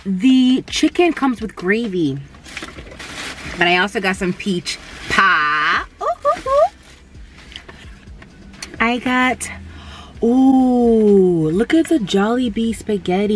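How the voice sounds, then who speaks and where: Young woman food vlogger, low-ish voice, unhurried mukbang chatter from her car, faint hum behind. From Canada. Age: young adult. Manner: chatty, eating between remarks, lots of appreciative hums. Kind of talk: casual mukbang tasting chat. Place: parked car, indoors. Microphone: camera on the dashboard.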